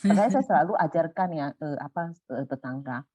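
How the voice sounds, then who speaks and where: A middle-aged woman telling a personal story in a casual, animated way, going high when excited and soft when calm. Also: fairly quick, a little hiss or hum. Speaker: volunteer sharing a personal story. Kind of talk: casual storytelling in a sharing session. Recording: muffled dry sound.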